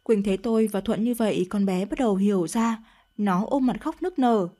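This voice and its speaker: A woman's voice: mid-range voice, normal speed, dark tone. A woman narrating a dramatic first-person story in an emotional, confessional tone.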